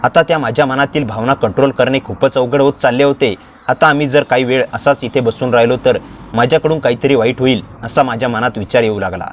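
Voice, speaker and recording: A man narrating a first-person story with steady, plain reading. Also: medium pitch, fast, a little hiss or hum.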